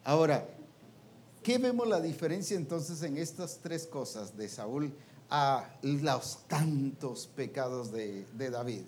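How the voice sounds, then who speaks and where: A man's voice: medium pitch, expressive, slow pace, a little mellow, a little hiss or hum. A man giving a sermon to a ministers' meeting, colloquial, often asking his listeners questions and ending phrases with "pues" and "¿va?". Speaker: preacher teaching a ministers' meeting. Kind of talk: interactive sermon.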